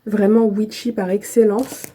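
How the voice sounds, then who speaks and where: A woman chatting casually as she unboxes items at home on her bed, gushing and excitable, with plenty of fillers. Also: mid-range voice, measured pace. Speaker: vlogger.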